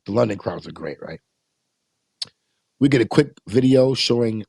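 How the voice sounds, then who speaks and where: A man casually recapping and reviewing a wrestling show, animated, swearing freely and acting out quotes. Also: mid-range voice, vocal fry, husky, no room sound, clean studio sound.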